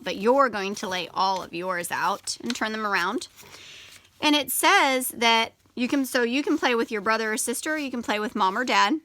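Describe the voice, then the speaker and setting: Bright, higher-pitched woman teaching young children. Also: slight background noise. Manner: simple, deliberate phrasing with stressed example words and sounds. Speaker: elementary school teacher. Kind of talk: instructional lesson for young children, demonstrating step by step. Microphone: video camera.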